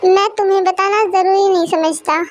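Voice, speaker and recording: A woman's voice: very high-pitched, fairly even intonation, fairly quick. A woman voicing a curt, aloof young man in a fan story. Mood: cold. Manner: curt, dismissive. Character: cold aloof young man, loner bad boy.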